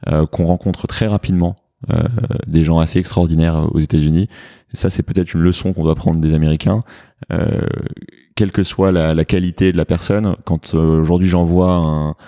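A French man with a very deep, mellow voice explains his fitness business in an interview. He hesitates often and fills pauses with fillers. The recording is close and dry. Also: no room sound. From France. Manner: hesitant, many fillers and restarts. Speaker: fitness studio founder.

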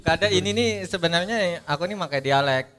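High-voiced man over a loud crowd. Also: expressive, quick pace. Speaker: guest. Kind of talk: casual chat.

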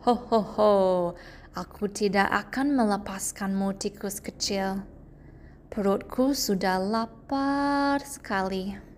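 Woman putting on a big bossy storybook lion, loud and gloating, slow. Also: mid-range voice, slight background noise, close to an everyday voice. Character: hungry boastful big male lion.

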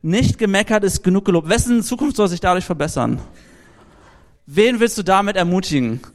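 A young man gives a relaxed, storytelling sermon and talks straight to the people in front of him. His voice sits fairly high for a man, and he keeps the talk personal and informal. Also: brisk. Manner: lively, anecdotal, direct address to the audience. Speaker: preacher. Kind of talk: casual youth sermon.

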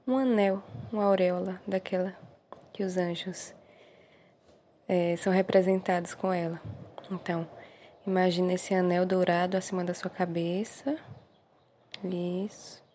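A Brazilian woman with a medium-pitched voice guides a meditation slowly, gently and soothingly. Between instructions she offers short words of encouragement, unhurried throughout, while faint ambient noise sits behind her.

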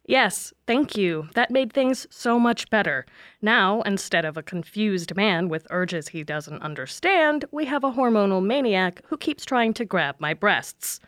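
A woman's voice: mid-range voice, expressive, unhurried, fairly bright tone, no echo, studio quality. A woman playing a wry, exasperated young woman. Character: exasperated young woman, sharp-tongued big sister. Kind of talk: audio drama acting.

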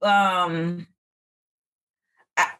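A woman chatting casually with friends, relaxed, often pausing on fillers. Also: on the low side, clear, resonant tone. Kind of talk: casual chat among friends.

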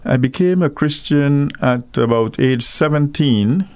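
A middle-aged man from Guyana with a Guyanese accent, speaking as a guest minister on a radio call-in program, earnest and measured. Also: medium pitch, a little mellow, smooth, no room sound. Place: radio studio.

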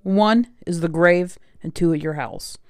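A woman's voice: lowish voice, a little slow, dry recording, clean studio sound. A woman hosting a solo podcast, chatting casually and rambling through life tips with a sarcastic, self-mocking humor. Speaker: podcast host.

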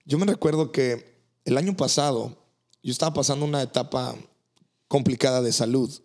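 A man, a pastor hosting a faith podcast, speaking earnestly with many halting restarts. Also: medium pitch, a little mellow.

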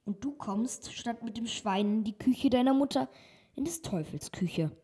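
A woman voicing a scheming young man in a storybook reading, talking in a hushed, conspiratorial way. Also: on the high side, animated, measured pace. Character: scheming young male swindler.

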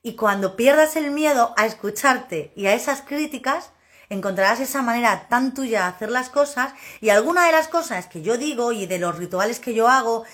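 A woman, hosting a casual live stream as a personal development coach, talking loudly and emphatically and laughing often. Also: on the high side, lively intonation, moderate pace.

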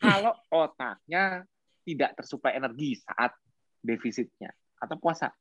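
A speaker explaining health science in casual podcast talk, animated, posing rhetorical questions and mixing in English terms. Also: medium pitch, moderate pace, husky, no echo, highs cut off.

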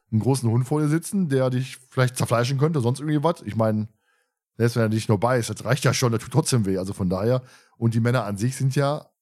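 A man's voice: medium pitch, a little mellow. A man co-hosting a podcast, talking casually and rambling with frequent restarts. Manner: rambling, many restarts and fillers. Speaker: podcast co-host. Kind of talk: casual chat.

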